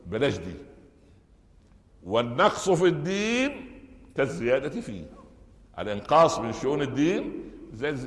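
A man with an Egyptian Arabic accent delivers a Friday sermon in a fairly low voice. He tells his stories with animated emphasis and often restarts a phrase. His voice rings out in a large hall with a long reverb. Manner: animated storytelling, stressing key phrases, frequent restarts. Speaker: preacher.

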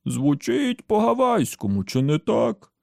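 A curious boy with a high, bright-edged voice, as a man reading an audiobook puts him on. He fires off quick, wondering questions on a dry, close recording. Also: wildly swooping pitch, gravelly, no echo, heavily acted. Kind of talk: audiobook character voice.

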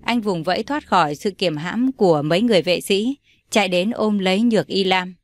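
A woman reads a melodramatic novel aloud in a scripted, expressive way. Her voice is recorded very dry and close, with no room sound around it. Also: medium pitch, brisk, no room sound. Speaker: audiobook narrator. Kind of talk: scripted story narration.

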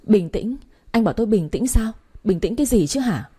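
A woman voicing a betrayed young wife who demands answers in a shrill, strained voice, husky underneath. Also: animated, a little fast. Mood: screaming. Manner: shouting, demanding. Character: wronged young wife, furious and desperate.

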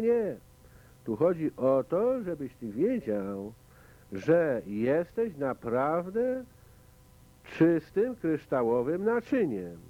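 Man, meditation teacher, animated pitch, conversational, tinny phone-like recording. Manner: conversational, asks listeners questions. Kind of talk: spoken commentary on a meditation.

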